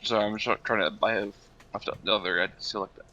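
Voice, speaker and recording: A man's voice: fairly low pitch, fairly even intonation, fast, bright, forceful tone, muffled recording, a little hiss or hum. A man playing a tabletop game over an online call, hesitant and full of fillers. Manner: hesitant, filler-heavy, sheepish. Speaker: player. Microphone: online call microphone.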